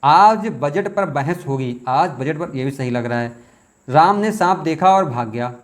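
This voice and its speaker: A man teaching, working through exam questions aloud, repeating words slowly as he thinks aloud. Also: on the high side, expressive. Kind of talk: test question walkthrough.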